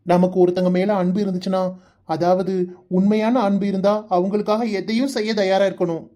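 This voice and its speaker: A woman's voice: medium pitch, steady tone, fairly quick, dark tone, close to an everyday voice. A woman voicing a teasing, exasperated young man in a cartoon, with a Kanyakumari Tamil accent, coaxing and playfully scolding. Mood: pleading. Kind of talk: cartoon voice acting.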